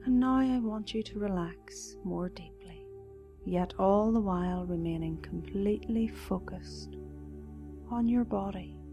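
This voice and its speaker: Soft, slow woman guiding a meditation. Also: mid-range voice. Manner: soft, slow, soothing, partly breathy. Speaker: meditation guide. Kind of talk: scripted guided meditation.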